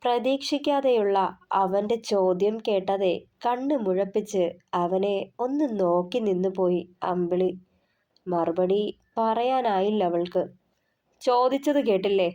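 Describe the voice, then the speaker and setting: A woman reads her romance novel aloud in a soft, measured way. Her voice is warm and mellow, with a calm, even delivery. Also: medium pitch, highs cut off. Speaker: author and narrator. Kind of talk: scripted narration of a romance novel.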